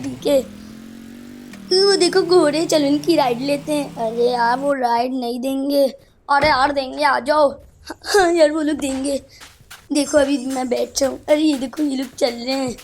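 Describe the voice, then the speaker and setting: High-pitched lady gaming, switching between cartoon characters, lots of exclaiming, faint hum behind. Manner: animated, keeps exclaiming and bickering between characters. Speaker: gamer voicing cartoon characters. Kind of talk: casual game commentary with character role-play.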